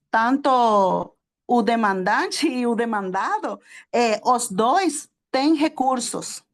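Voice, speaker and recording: A native Spanish speaker with a Spanish accent and a high-pitched voice teaches a sermon to a small group as a preacher and theology teacher. Often hesitating with filler words, she keeps checking that her audience follows along.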